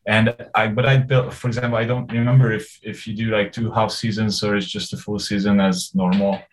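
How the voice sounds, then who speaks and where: A man in his forties from Hungary, speaking in a fairly low voice during a relaxed interview. He rambles with fillers and restarts and chuckles often. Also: a little fast, low-quality recording. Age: 40s. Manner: rambling, hesitant, laughs often. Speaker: interview guest. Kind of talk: casual conversational interview.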